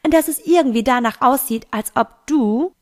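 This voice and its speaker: A woman's voice: high-pitched, moderate pace, natural voice. A woman voicing a teenage boy who insistently questions a close friend, in an amateur audiobook reading. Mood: earnest.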